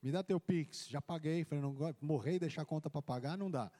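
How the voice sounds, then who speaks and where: Pastor guy telling his story at church, kinda high mellow voice, big hall echo. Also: fast talker. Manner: animated storytelling, acting out dialogue. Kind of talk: testimony in a church service. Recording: long church hall reverb.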